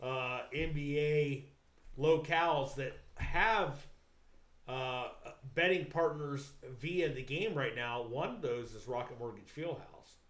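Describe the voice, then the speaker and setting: A man's voice: medium pitch, slow pace, fairly bright tone. A man co-hosting a casual sports talk show, rambling, swearing and laughing often. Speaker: podcast co-host. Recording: echoey room.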